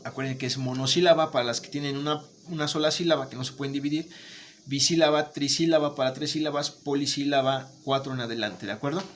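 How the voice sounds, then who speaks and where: A man's voice: medium pitch, fairly even intonation, fast talker, slight background noise. A man teaching a remote lesson, patient, checking in often with his students. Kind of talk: remote Spanish grammar lesson.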